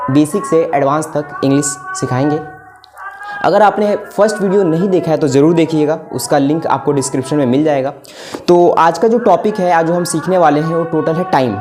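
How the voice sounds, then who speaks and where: A woman with an Indian accent teaching a spoken-English lesson, explaining step by step and often checking in with "right?". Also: low voice. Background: background music.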